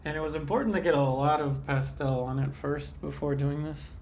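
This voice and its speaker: Here a fairly high-pitched man talks at a fairly quick clip while painting live, laid-back and conversational, picking up viewer comments mid-work. Congestion from a sinus infection gives him a somewhat nasal sound, over a little hiss or hum.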